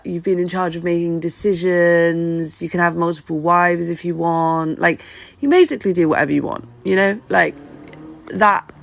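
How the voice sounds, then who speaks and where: A woman's voice: on the low side, creaky. A woman talking informally on her own as a podcast host, candid and self-deprecating, hesitant as she thinks aloud into her phone at home. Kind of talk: informal solo opinion talk. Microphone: talking into a phone, no studio.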